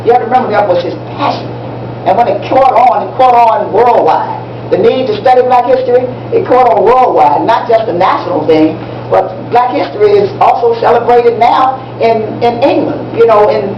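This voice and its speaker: A woman with a natural, mid-range voice portrays an enthusiastic, proud teacher in a live amateur stage play, briefing young students on history encouragingly and repeating herself to stress points, sounding thoughtful and affirming. Taken from audience distance in a library event room, the recording is muffled, distant, noisy and echoey.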